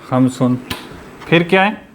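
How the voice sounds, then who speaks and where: A man's voice: fairly high pitch, animated, takes it slowly, a little hiss or hum. A man teaching an online class, explaining step by step and quizzing his students with repeated questions. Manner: patient, methodical explaining.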